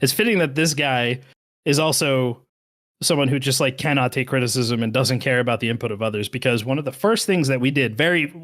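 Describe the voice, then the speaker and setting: A man's voice: mid-range voice, fairly quick, a bit bright. A man who was a creator manager, ranting heatedly with plenty of swearing on a podcast. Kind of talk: podcast chat.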